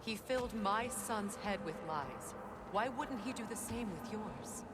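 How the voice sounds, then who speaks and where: An actress playing a wistful middle-aged goddess and mother who speaks in a measured, reflective way. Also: mid-range voice, lively intonation, natural voice. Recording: game audio with background noise.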